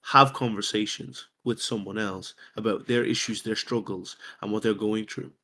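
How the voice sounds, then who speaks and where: A man's voice: fairly low pitch, fairly even intonation, normal speed, bright, forceful tone. A man hosting a podcast, talking earnestly in a casual chat and explaining his points with rhetorical questions. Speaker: podcast host.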